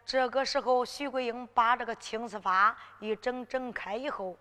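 A woman storyteller narrating a traditional ballad tale in lively dialect. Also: on the high side, moderate pace, long reverb tail. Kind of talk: Henan zhuizi ballad narration.

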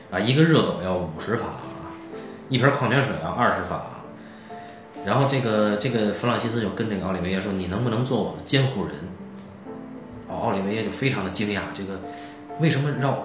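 A man hosting a podcast, retelling a film plot in a lively casual way and acting out the characters' lines. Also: lowish voice, echoey room. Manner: animated storytelling with acted quotes. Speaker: podcast host.

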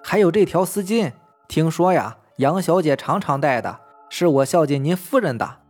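A man voicing a flustered young servant who flatters and stammers. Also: on the high side, moderate pace, faint music behind. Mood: fawning.

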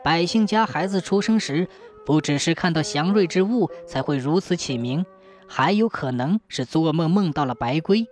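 A woman's voice: sits low, expressive, normal speed, a little mellow, soft background music, voice pushed down. A woman doing a humble, pleading court official. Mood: deferential. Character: cautious, deferential male court official.

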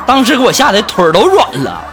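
A male host of a radio comedy show, telling comic stories in an animated, exaggerated way and laughing along. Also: high voice, quick pace. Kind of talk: comic storytelling.

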